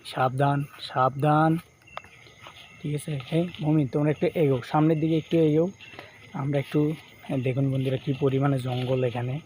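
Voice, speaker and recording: A young man creeps through thick bamboo jungle with a handheld camera, his voice pitched a little high and tight with nerves. He keeps repeating hushed warnings and quick prayers. Steady wild hiss and jungle ambience sit under every word of this rough outdoor field recording. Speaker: vlogger leading a night jungle hunt. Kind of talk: tense on-the-spot ghost-hunt narration.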